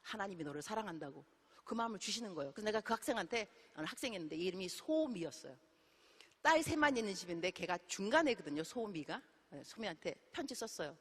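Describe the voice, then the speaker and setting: A middle-aged woman missionary preaching a sermon in a church, telling stories in an animated way and acting out the dialogue. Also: mid-range voice, quick pace, breathy edge. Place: church sanctuary. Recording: long hall reverb.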